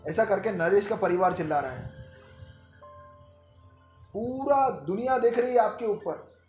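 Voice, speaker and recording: A man's voice: high voice, lively intonation, measured pace, darkish tone, roomy sound, soft background music. A man in his forties preaching a sermon. He asks rhetorical questions, speaks straight to one listener and acts out people's pleas. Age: 40s.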